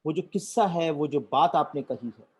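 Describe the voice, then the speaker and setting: A man giving a corporate training talk on storytelling, deliberate and switching between Hindi and English. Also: fairly high pitch, husky.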